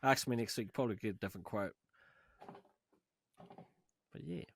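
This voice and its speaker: A male podcast co-host talks in a low voice. He is laid-back and a little hesitant, filling gaps with "um" and "yeah." His easy, casual delivery keeps the chat relaxed. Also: moderate pace, slight background noise.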